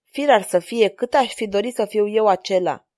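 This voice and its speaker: A woman's voice: medium pitch, natural voice. Woman voicing a flirtatious courtly king. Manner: courtly, flattering. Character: gallant amorous male king, courtly and flirtatious.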